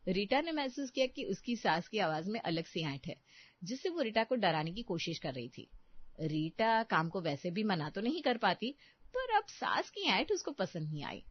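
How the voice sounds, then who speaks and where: A woman narrating a children's cartoon story in an even storytelling manner. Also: medium pitch, dry recording. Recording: dull, dry lo-fi.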